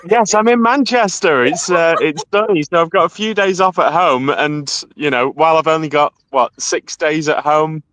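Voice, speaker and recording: A man's voice: on the high side, moderate pace, few pauses, fairly bright tone, no room sound, rough recording. A man in his thirties with a Manchester accent, a guest musician chatting casually and laughing often over a video call. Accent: Mancunian. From England. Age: 30s. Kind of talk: casual chat.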